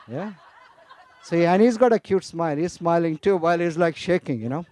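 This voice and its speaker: A man's voice: a little high, expressive, moderate pace, darkish tone. A man teaching spirituality in a casual festival talk, telling humorous stories, weaving in Sanskrit terms and asking "right?" often. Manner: chatty, frequent "you know" and "right?".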